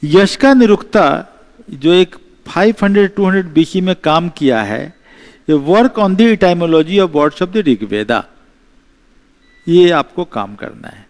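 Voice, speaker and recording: A man giving an exam-prep history lecture, explaining slowly, repeating key terms and mixing in English phrases. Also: sits high, big pitch swings. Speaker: teacher.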